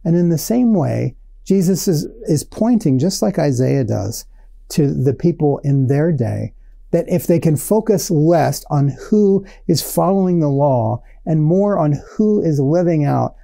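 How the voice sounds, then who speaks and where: Male pastor, 40s earnest teaching sermon, dark gravelly timbre, dry close sound. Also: fairly high pitch, a little slow, dry recording. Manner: earnest teaching tone, expressive hand gestures. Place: small studio set with shelves. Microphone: lapel mic.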